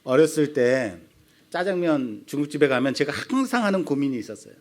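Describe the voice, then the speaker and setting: A man's voice: fairly high pitch, sing-song, a little fast, darkish tone. A male pastor preaching a sermon, asking the congregation rhetorical questions.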